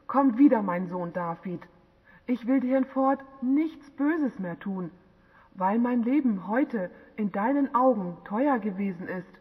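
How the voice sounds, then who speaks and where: Woman reading as a sorry old king, soft and contrite, husky, echoey lo-fi. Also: fairly high pitch, expressive, a little slow. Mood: remorseful. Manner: contrite, soft read-aloud dialogue. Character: remorseful older male king. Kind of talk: audiobook dialogue reading. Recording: dull lo-fi with long reverb.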